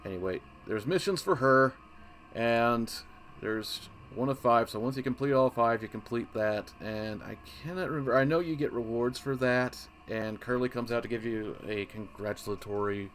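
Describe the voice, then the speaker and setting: A man's voice: mid-range voice, normal speed, a bit bright, slight background noise. A man hosting a casual game walkthrough, rambling and easily sidetracked, often breaking off mid-thought. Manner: rambling, easily distracted, self-interrupting. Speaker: gaming channel host.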